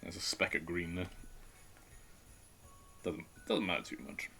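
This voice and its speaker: A man's voice: sits low, measured pace, vocal fry, pushed and bright, faint music behind. A man streaming live, chatting casually and with a self-deprecating tone as he thinks aloud while he draws.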